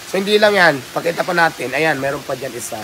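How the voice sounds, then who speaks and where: A man hosting a casual vlog tour of an outdoor animal park, talking with excitement and cooing baby talk at the animals. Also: a little high, quick pace. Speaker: vlogger host. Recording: loud outdoor noise with birds.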